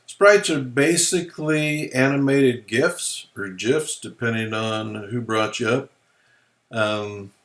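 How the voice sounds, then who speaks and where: A man presenting a software tutorial, explaining features in a relaxed, folksy way as he clicks through them. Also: on the low side. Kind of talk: screen-recorded software walkthrough.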